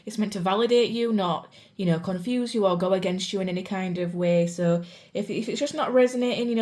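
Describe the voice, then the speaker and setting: Warm and medium in pitch, this young British woman's voice occasionally cracks from a sore throat as she does a pick-a-card tarot reading. She keeps it chatty and reassuring, peppering her talk with "you know" and "guys."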